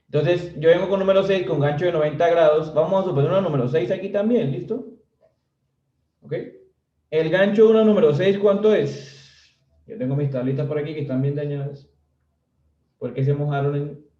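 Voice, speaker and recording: Here a man with a fairly high but dark-toned voice gives a chatty civil engineering lecture. Joking with students, he keeps checking their understanding with "¿sí?". He's far from the mic, leaving the casual recording dull and roomy.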